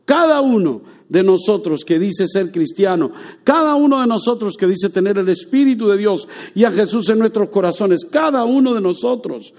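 A man preaching a lively sermon, joking with and quizzing his congregation. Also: sits high, moderate pace. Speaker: pastor.

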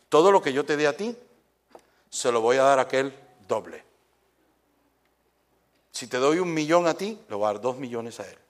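A man preaching voices a mysterious voice that speaks in a dream, low, hushed and deliberate. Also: natural voice. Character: mysterious low voice in a dream, offering any wish.

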